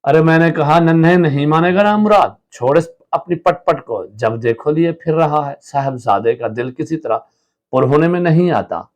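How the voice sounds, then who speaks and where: A man reading a play aloud and voicing a shrill, nagging housewife who keeps scolding her child. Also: expressive, normal speed, a little mellow, lightly acted.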